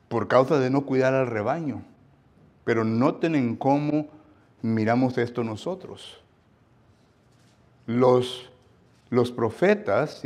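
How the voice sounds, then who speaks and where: Mexican-accented preacher, conversational sermon. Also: male voice, mid-range voice. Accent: Mexican Spanish. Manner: reads scripture with loud stressed emphasis; conversational, frequent tag questions.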